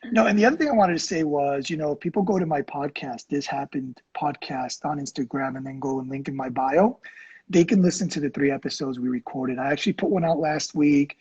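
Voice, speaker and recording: A middle-aged man talks over a dull, lo-fi call line in a raised, husky voice. He is chatty and expressive, with a self-deprecating streak. His talk stays loose and conversational throughout. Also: a little high, brisk. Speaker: co-host. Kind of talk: casual conversation.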